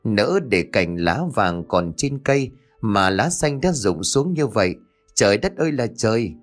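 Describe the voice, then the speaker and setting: A man's voice: lowish voice, lively intonation, measured pace, faint music behind. A man voicing an old village woman wailing in grief over her dead grandson, in an audiobook. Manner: wailing lament.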